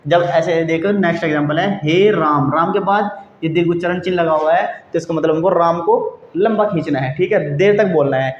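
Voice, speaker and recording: A man with a fairly high voice teaches a grammar lesson and keeps checking in with his viewers as friends. The sound is roomy and dull, with a faint hiss behind him. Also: brisk, hardly any pauses. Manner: addresses viewers as friends, repeats "theek hai" often. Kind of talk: explanatory online lesson. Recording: echoey room, dull lo-fi sound, faint noise.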